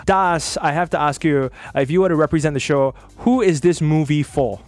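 A man's voice: on the high side, normal speed. A man with a Singaporean accent hosting a show, interviewing guests with casual banter. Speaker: show host.

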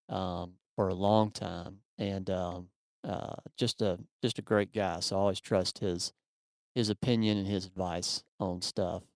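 A man hosting an interview, relaxed and chatty, filling his sentences with ums. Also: low-pitched, no room sound, clean studio sound. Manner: relaxed, filler-heavy with frequent ums. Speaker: podcast host. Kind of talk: casual interview.

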